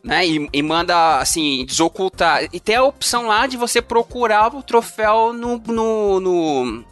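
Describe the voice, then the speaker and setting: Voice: medium pitch, a little slow, faint music behind. A Brazilian co-host on a casual gaming podcast, talking in loose slang with frequent restarts. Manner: lively, slangy, hesitant restarts. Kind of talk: casual chat about video games.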